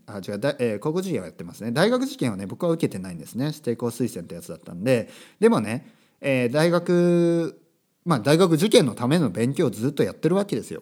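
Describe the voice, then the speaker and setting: A man's voice: medium pitch, a little mellow, slightly rough. A man in his thirties hosting a casual solo podcast, chatty and rambling, often correcting himself mid-sentence. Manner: chatty, self-correcting, asks listeners rhetorical tags. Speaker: podcast host. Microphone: podcast microphone.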